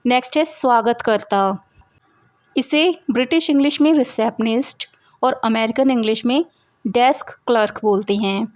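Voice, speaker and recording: Woman, English teacher, Hindi lesson, slow clear explaining, slightly high voice, dry sound. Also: dry recording. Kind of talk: vocabulary lesson for Hindi speakers.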